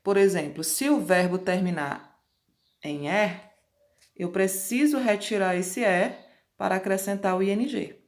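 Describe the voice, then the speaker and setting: A woman teacher explains grammar rules at an even, middle pitch. She moves step by step, repeats key points and checks in with short questions. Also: a little slow. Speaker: English teacher.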